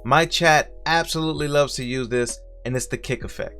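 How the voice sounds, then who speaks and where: A man with a Brooklyn accent hosts a relaxed how-to for streamers. His voice sits a bit high, and his tone is friendly and chatty as he explains each step. Soft music plays quietly behind him. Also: brisk. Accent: Brooklyn New York. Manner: friendly, talks viewers through each click. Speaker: streaming tutorial host. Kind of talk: casual step-by-step software tutorial.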